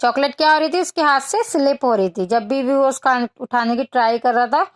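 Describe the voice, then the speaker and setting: A woman's voice: high-pitched, dry recording, clean studio sound. A woman teacher, telling a children's story as a lesson, asking questions and explaining phrases in Hindi. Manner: asks questions and answers them, explaining English in Hindi; reads English lines very slowly and deliberately.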